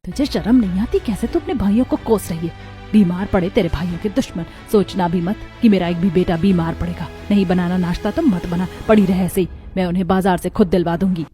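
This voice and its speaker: Scolding cartoon mother who favors her sons, voiced by a woman, lowish mellow voice, faint music. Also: fairly quick, close to an everyday voice. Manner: scolding, harsh. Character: stern, favoritist mother of a daughter and three sons. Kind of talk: cartoon voice acting.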